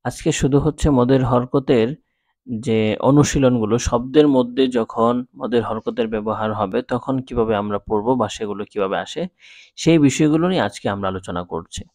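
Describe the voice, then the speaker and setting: A man with a Bangladeshi Bengali accent teaching Quran reading, calmly spelling out syllables and chanting the words slowly. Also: medium pitch, no echo. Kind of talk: slow spelled-out Quran lesson.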